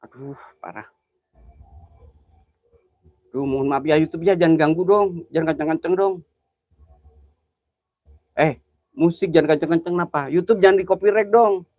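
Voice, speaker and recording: Outdoors at night near an old well, a man hosts a live ghost-hunting stream, chatting nervously with viewers, greeting them by name and letting out jumpy exclamations. His voice is on the high side and darkish, a little fast with long pauses, and the muffled recording has no echo.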